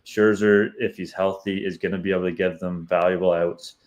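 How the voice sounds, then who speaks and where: A Canadian man with a very low voice co-hosting a sports podcast. He gives sure, opinionated takes on players and trades in a relaxed, conversational way. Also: fairly quick. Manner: confident, opinionated analysis. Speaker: podcast co-host. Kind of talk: casual sports analysis.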